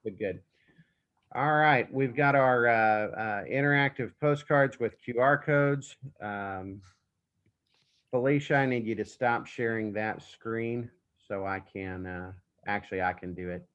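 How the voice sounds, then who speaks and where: A man leading his office team through a meeting over a group video call, talking in a halting way with many fillers and restarts. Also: fairly low pitch, fairly bright tone, smooth, no echo. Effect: heard over a group video call. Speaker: real estate office leader running a team meeting. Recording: muffled, dry video-call audio.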